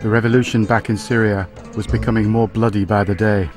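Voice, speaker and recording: A man narrating a documentary in a calm, measured way, and interviewing people he filmed. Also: lowish voice. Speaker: documentary filmmaker. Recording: roomy sound with music behind.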